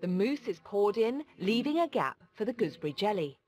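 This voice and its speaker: A woman's voice: mid-range voice, big pitch swings, brisk, a little mellow. A woman with a British accent reading scripted cookery narration as a presenter. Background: music.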